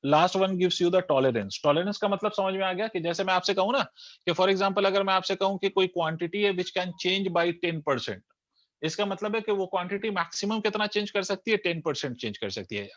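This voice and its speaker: A man's voice: high-pitched, moderate pace, fairly bright tone, dry recording. A man teaches a physics class in a slightly raised voice, switching between Hindi and English. He keeps quizzing his students and repeating the key terms. The recording is dull and lo-fi, with a dry, close sound.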